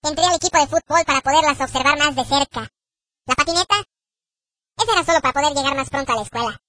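A man voicing a lecherous male chipmunk with a squeaky sped-up voice and a Mexican accent, confessing meekly in a parody comedy sketch. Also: quick pace, bright, forceful tone, dry recording. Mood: sheepish confessing. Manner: confessional, meek, apologetic. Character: lecherous adult male chipmunk, shameless and sheepish.

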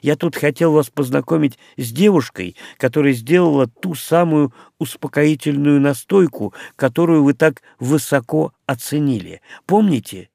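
A man's voice: on the high side, lively intonation, moderate pace, creaky, few pauses, a little mellow, no echo, studio quality. A man voicing a cheerful, joking young male doctor in an audiobook. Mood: breezy.

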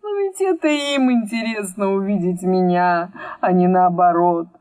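A woman's voice: fairly low pitch, unhurried, darkish tone, no echo, close to an everyday voice. A woman reading a wise, stay-at-home old male storyteller who pleads in flowery, ironic phrases. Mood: pleading. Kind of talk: audiobook reading.

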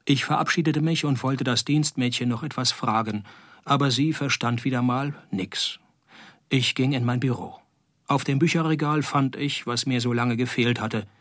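A man playing a wisecracking, world-weary private detective in a noir radio drama, with a dry, sardonic, deadpan delivery. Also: medium pitch, moderate pace, no room sound, natural voice.

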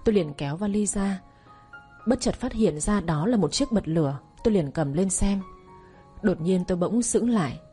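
A woman narrating a first-person story in a soft, slow, wistful way. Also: medium pitch, lively intonation. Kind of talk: scripted narration. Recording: faint music behind.

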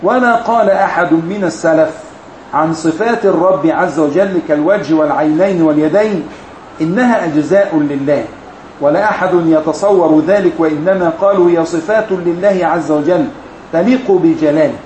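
A sheikh teaching a women's study course explains a religious lesson point by point, carefully and deliberately, in a slightly mellow voice that sits a little high for a man. The room is echoey, with faint ambient noise beneath.

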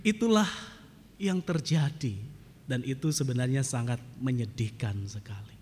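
A man preaching a sermon as pastor in a church, moving between soft chatty asides and loud emphatic points. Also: mid-range voice, normal speed, slight background noise. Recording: church hall reverb.

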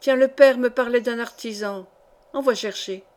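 A woman voicing a frail, fretful dying noblewoman in an audiobook, soft and plaintive. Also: on the high side, moderate pace, lightly acted. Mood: querulous. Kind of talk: audiobook character reading.

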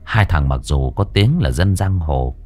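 A man's voice: rumbling low, lively intonation, measured pace. A man narrating a ghost story in a vivid, colloquial storytelling manner. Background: soft music.

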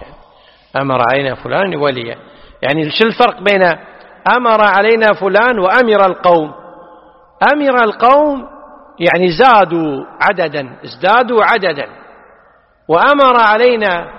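A man teaching a lesson on a classical text, patiently explaining and putting questions to his students. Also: high voice. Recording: dull audio, long hall reverb.

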